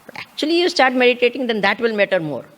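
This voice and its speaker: Animated Indian-accented woman teaching scripture. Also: on the high side, fast. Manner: didactic, repeats key words, often checks understanding. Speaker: spiritual teacher. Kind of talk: scriptural lecture with rhetorical questions.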